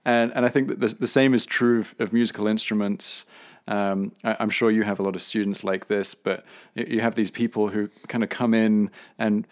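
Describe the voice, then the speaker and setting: A man's voice: lowish voice, steady tone, a little fast. A man hosting a casual podcast interview, thoughtful and often repeating words as he starts sentences.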